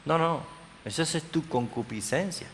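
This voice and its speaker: A man preaching a sermon in a church, emphatic and rising and falling as he asks his listeners questions. His voice sits a little high for a man. A long reverb hangs behind every phrase. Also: moderate pace, fairly bright tone.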